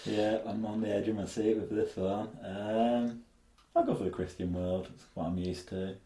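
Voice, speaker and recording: A man's voice: fairly low pitch, little pitch movement, normal speed, warm tone, reverberant. A man co-hosting a podcast in casual chat, joking and boastful. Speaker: podcast co-host.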